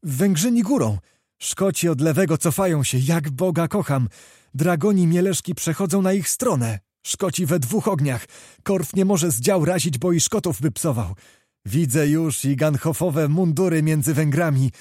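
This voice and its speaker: A man voicing a small, fiery male knight who calls out battle news in an excited, breathless way. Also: a little high, a little slow, dry recording, clean studio sound.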